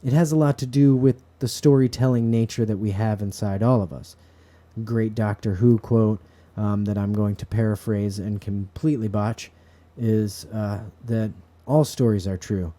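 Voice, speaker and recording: A man's voice: lowish voice, normal speed, mellow. A man speaking to camera in a bedroom, giving an earnest, reflective, philosophical monologue. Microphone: camera set up in front of him.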